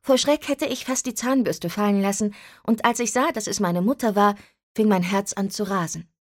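Expressive woman reading a story. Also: medium pitch, moderate pace, dry recording, studio quality. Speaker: audiobook narrator. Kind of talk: first-person scripted narration.

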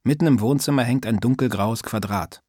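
A young man narrating an audiobook in the first person, low-key, weary and sardonic. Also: a little fast, a little mellow, no room sound, studio quality. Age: young adult.

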